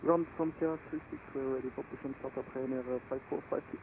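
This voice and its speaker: A man making clipped pilot calls over the radio, brisk and hurried. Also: mid-range voice, steady tone. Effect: pilot heard over the radio. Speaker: virtual airline pilot. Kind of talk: radio calls with standard phrasing. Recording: muffled radio with noise.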